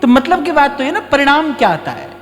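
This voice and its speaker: A man's voice: very high-pitched, very animated, brisk, fairly bright tone, long reverb tail, soft background music. A man giving a devotional discourse as a spiritual teacher, telling stories and acting out short exchanges of dialogue. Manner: storytelling, acts out short dialogues. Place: ashram hall.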